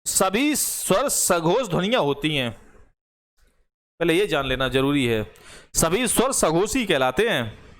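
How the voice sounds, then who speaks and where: A man's voice: fairly high pitch, sing-song, unhurried, long pauses, a bit bright. A man teaching an online grammar class, explaining step by step, repeating examples aloud and asking the class rhetorical questions.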